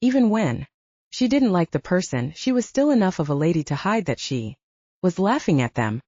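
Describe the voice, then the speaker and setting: Woman, audiobook narrator, low mellow voice, dry dull sound. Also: normal speed, no echo. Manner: expressive storytelling.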